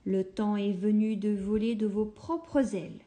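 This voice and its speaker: A woman's voice: medium pitch, fairly even intonation, a little slow, dark tone, lightly acted. A woman voicing a fed-up mother pig scolding her children in a storybook tale. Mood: exasperated. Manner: scolding, raised voice.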